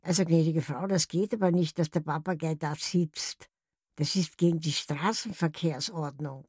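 Lady putting on a stern cop voice, dropped low and quiet, formal, bit of a lecture. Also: fairly even intonation, normal speed, husky, no room sound, clean studio sound. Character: stern male traffic policeman, officious.

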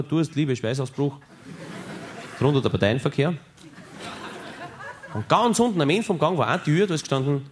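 Deadpan Viennese cabaret comedian, man. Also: mid-range voice, slight background noise. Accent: Austrian German, Viennese. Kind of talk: cabaret monologue.

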